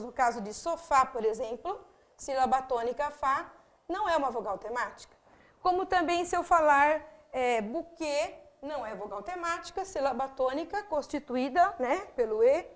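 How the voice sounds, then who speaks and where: A woman with a Brazilian accent, teaching a grammar video lesson for exam candidates, explaining step by step to the viewer with frequent asides. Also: high-pitched. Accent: Brazilian Portuguese.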